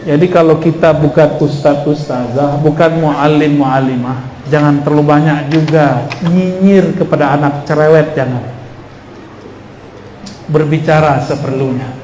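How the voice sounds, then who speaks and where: A man's voice: fairly high pitch, fairly even intonation, unhurried, darkish tone. A man giving an Islamic study talk to a live audience, conversational and quizzing his listeners. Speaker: preacher. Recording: echoey hall with faint noise.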